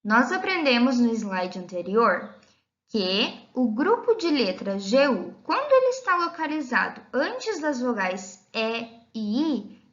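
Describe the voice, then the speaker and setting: A woman with a Brazilian Portuguese accent leads a recorded lesson for young children. Her voice is bright and sits high, and she drags out each phrase in a slow, sing-song teacher style. The audio sounds a little dull and lo-fi. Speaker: primary school teacher.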